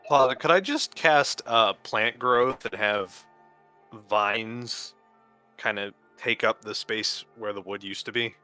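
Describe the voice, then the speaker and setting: A man playing a tabletop game, speaking in a hesitant, halting way. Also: lowish voice, pushed and bright, soft background music. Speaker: player. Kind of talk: casual in-character play.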